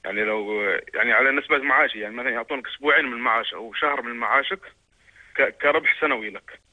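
A man's voice: mid-range voice, rapid-fire. A man with a Gulf accent asking a question as a caller on a phone line. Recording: tinny narrow phone line.

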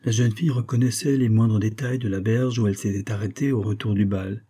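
A man reading a French novel aloud as the narrator, in a measured storytelling manner. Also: on the low side, fairly even intonation, warm tone, husky. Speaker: audiobook reader. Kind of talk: literary narration.

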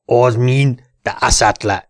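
A man voicing a loud, aggressive male highway cop in an audiobook, shouting in a raised voice. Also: fairly even intonation, no room sound, studio quality, lightly acted. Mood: mocking. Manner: shouting, crude, raised pitch.

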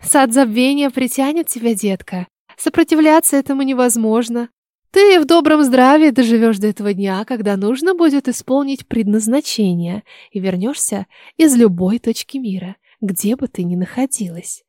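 A woman's voice: fairly high pitch, animated, normal speed, warm tone, no room sound, clean studio sound, natural voice. A woman reading the lines of a cruel, cunning old witch in an audiobook, speaking in a coaxing, menacing way. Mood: persuasive.

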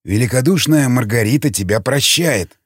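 A man voicing a calm, sardonic male cannibal with a baritone voice, mocking and quietly threatening. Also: moderate pace, husky, dry recording, studio quality. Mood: menacing.

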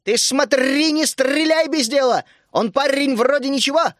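A bossy little gnome queen, put on by a male reader, fires off brisk, mocking exclamations in a high, bouncing voice. The storybook reading is close and dry, with no room sound. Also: animated, no room sound. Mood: urgent. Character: bossy cheerful female gnome queen, small.

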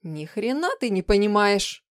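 A woman's voice: medium pitch, lively intonation, normal speed, darkish tone, no echo, studio quality, pitched above the performer's own voice, close to an everyday voice. A woman voicing a volatile young woman's vicious, mocking alter ego in an audiobook reading, snarling and hurling insults. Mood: furious.

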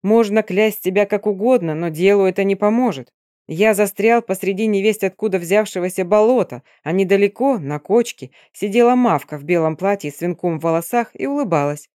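An audiobook narrator reading a first-person dark fantasy story in a steady storytelling manner. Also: mid-range voice, brisk, dry recording, clean studio sound.

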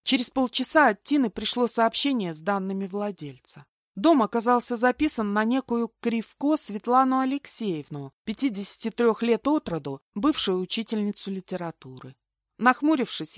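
A woman narrating a first-person audiobook in a lively, expressive way. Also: mid-range voice, moderate pace, no echo, studio quality. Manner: expressive, lively reading of a heroine.

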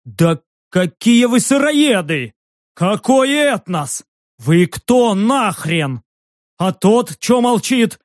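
A man's voice: high voice, sing-song, slow pace, dry recording, clean studio sound, voice pushed up, heavily acted. A man voicing a proud, blustering male patrol leader who argues indignantly in an audiobook.

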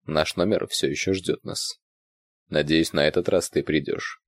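A man voicing a smug, ironic male suitor who talks in a calm, teasing way, for an audiobook. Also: a bass voice, measured pace, no echo, clean studio sound.

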